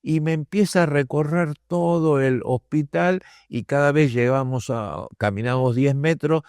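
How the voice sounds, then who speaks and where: An older man, a guest telling a long personal anecdote and acting out the quoted dialogue between pauses. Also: fairly high pitch, darkish tone, clean tone, dry recording, clean studio sound. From Argentina. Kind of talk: reflective anecdote storytelling.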